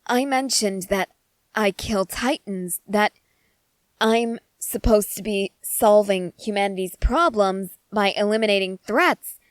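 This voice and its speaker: In an ASMR roleplay, a woman voices an eager, excitable scientist soldier who is fascinated by creatures, speaking earnestly and with emphasis straight to the listener. Her medium-pitched voice is close to everyday speech, with no room sound, and her mood shows dawning concern.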